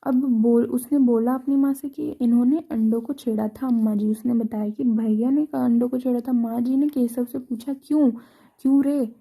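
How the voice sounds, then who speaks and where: A woman teacher with a Hindi accent goes through a textbook chapter line by line. Her voice sits a little high but is very dark and mellow. She pauses, restarts and checks in with the class as she explains. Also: fairly even intonation, creaky. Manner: retells each line then explains it, many restarts and "ठीक है". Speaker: school teacher.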